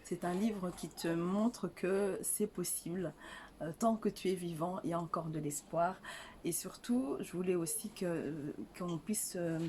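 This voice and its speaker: A woman's voice: lowish voice, a little slow, a little mellow, slight background noise. An older woman from Rwanda, an author answering interview questions in a hesitant way, full of fillers and restarts. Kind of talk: casual interview.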